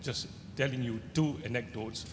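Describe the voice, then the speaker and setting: An older author with a Singaporean accent, in his seventies or above, keeps a steady tone while haltingly telling personal anecdotes on a festival panel, hunting for words as he goes. He holds a microphone in a large, echoey indoor hall full of seated listeners, with rumbling noise behind him.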